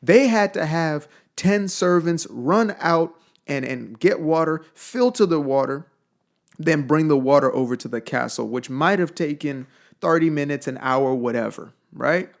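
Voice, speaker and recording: A man's voice: fairly high pitch, expressive, a little slow, vocal fry. A young man from Zimbabwe giving an emphatic, blunt motivational monologue, repeating phrases for weight. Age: young adult. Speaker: motivational speaker.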